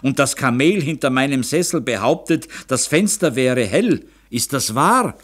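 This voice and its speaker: A man's voice: mid-range voice, animated, measured pace, a bit bright, slightly rough, voice pushed up. A man voicing a proud, impatient aging count who has just gone blind, speaking brusquely and commandingly. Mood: disbelieving. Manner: brusque, commanding, rising to anguish.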